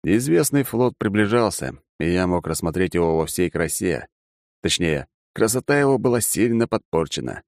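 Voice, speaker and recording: Man, audiobook narration, sarcastic, animated pitch, dry. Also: normal speed, dry recording. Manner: wry, sarcastic, lively delivery. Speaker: audiobook reader. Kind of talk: scripted narration.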